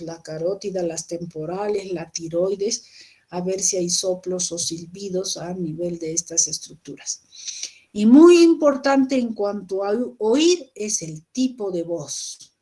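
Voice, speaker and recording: A woman's voice: medium pitch, warm tone, husky. A woman giving a recorded medical lecture, explaining patiently to students and often checking in with rhetorical questions.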